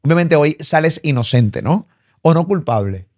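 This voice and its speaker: A man's voice: fairly high pitch, lively intonation, moderate pace, darkish tone. A male interview host, asking direct, pressing questions and summing up answers.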